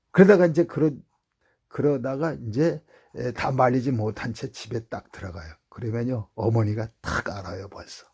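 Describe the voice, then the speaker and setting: A male pastor preaching a sermon in a church, telling stories and swinging between hushed prayer and loud appeals. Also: mid-range voice, gravelly, slightly rough.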